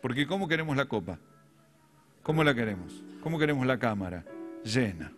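A man's voice: medium pitch, expressive, fairly quick, fairly bright tone, soft background music. A middle-aged man with a Rioplatense Spanish accent, preaching a sermon as a pastor and telling stories with self-deprecating humor.

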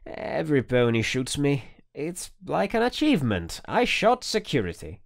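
A man's voice: on the high side, wildly swooping pitch, moderate pace, creaky, pitched above the performer's own voice, heavily acted. A man voicing a wry, battered pony mare.

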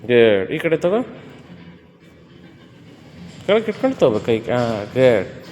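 A man's voice: mid-range voice, big pitch swings, measured pace, a little mellow. A male fitness trainer, coaching a woman through a workout with firm, repeated commands and tips. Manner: firm, repetitive gym commands mixed with explanation. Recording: roomy reverb with music behind.

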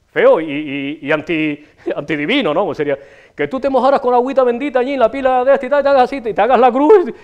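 A man's voice: very high voice, quick pace, dull audio. A middle-aged man with a Canarian Spanish accent, hosting a local TV show and delivering a rambling, swear-filled comic monologue with big gestures in a small studio. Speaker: TV show host. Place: small TV studio with a city backdrop.

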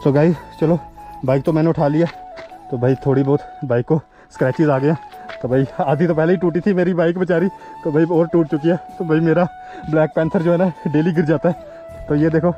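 A young man hosting a motorcycle vlog, talking quickly and chattily to his viewers on a chilly mountain road. His voice sits a little high, and faint music plays under him. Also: steady tone, mellow, muffled recording. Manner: chatty, keeps calling out to viewers as "guys" and "bhai". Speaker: motovlogger host. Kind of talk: casual vlog narration. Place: outdoors on a cold mountain road.

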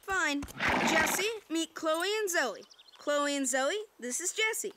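A woman's voice: sits high, animated, slow pace, very noisy. A woman voicing an easygoing teenage boy in a cartoon, casual and laid-back with a slight grumble. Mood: curt. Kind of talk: animated series voice acting.

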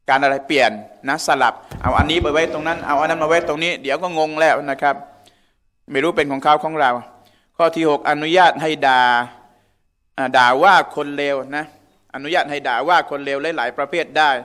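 A religious teacher gives a conversational lecture in a mosque and often asks the audience questions. His voice is fairly high-pitched with a fairly bright tone.

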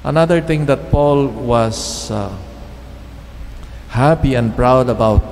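A middle-aged man preaching a homily at Mass, speaking in measured, halting phrases with pauses, into a lectern microphone. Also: medium pitch, darkish tone, slight background noise. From Philippines. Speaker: priest. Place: church chapel. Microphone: standing mic at lectern. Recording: long church reverb, faint ambience.

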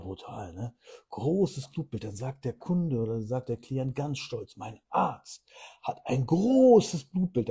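Husky dark-voiced man explaining casually. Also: mid-range voice. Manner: chatty, explains with rhetorical questions and repetition. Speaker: health coach. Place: on holiday.

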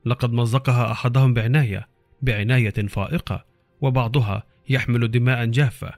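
A man's voice: medium pitch, steady tone, a little fast, darkish tone, dry recording, soft background music, close to an everyday voice. A man voicing an experienced, sceptical, impatient forensic doctor in an audiobook horror story. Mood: questioning, sceptical. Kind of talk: audiobook character acting.

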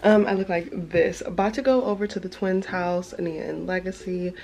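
A woman's voice: on the low side, fairly even intonation, normal speed, creaky, heavy background noise. A woman in her twenties chatting casually on a vlog, filmed on a handheld camera at arm's length, first indoors and then at the beach. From Los Angeles area, United States. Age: 20s. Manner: chatty and playful, swears casually. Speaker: vlogger. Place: house and garage, then an outdoor beach.

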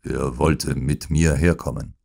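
A man's voice: a bass voice, fairly even intonation, a little slow, vocal fry, darkish tone, heavily acted. A man voicing a loyal doctor friend who answers plainly and earnestly. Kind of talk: audiobook acting.

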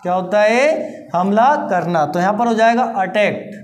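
A teacher giving a grammar lesson, asking rhetorical questions, answering them and slowly repeating each answer. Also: mid-range voice. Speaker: English teacher. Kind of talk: classroom-style grammar lesson. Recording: roomy echo with faint background noise.

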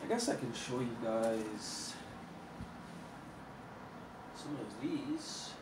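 Heavy background noise surrounds a young card collector vlogger speaking very slowly in a mid-range voice. In a room at home with a shelf of collectibles, he casually showcases old cards, talking offhand into a table camera mic and often trailing off.

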